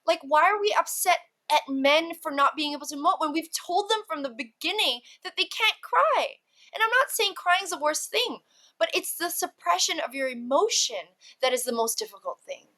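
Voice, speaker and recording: A woman from Malaysia, a guest in a casual interview over a video call, talking in an animated way and acting out quoted voices. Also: extremely high pitch, normal speed. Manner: animated, acts out quoted voices, lots of fillers. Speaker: guest, actress and entrepreneur.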